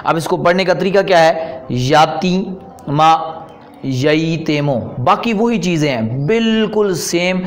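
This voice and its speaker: A man with a Pakistani Urdu accent teaching Arabic grammar in a recorded online lesson, explaining step by step and reciting verb forms in slow, drawn-out chants. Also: on the high side, expressive.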